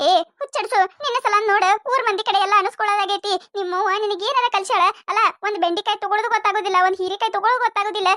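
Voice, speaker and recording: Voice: fairly even intonation, racing, hardly any pauses, sharp tone, dry recording, clean studio sound. A voice actor playing a scolding older village mother-in-law with a North Karnataka accent in a cartoon comedy. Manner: scolding, nagging, shrill.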